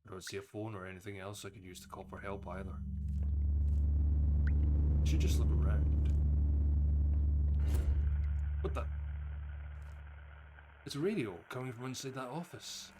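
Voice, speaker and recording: A Scottish man streaming a horror game live, reading the characters' lines aloud and breaking into excitable outbursts. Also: lowish voice, measured pace, long pauses. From Scotland. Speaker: gaming streamer. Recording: clear background noise behind voice.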